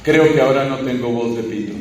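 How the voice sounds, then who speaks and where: A man's voice: mid-range voice, fast talker. A man preaching a live sermon to a congregation, emphatic and repetitive, asking rhetorical questions. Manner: emphatic, repeats key phrases, asks rhetorical questions. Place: large hall or church with an audience. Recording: echoey hall, speaker far from mic, faint hum.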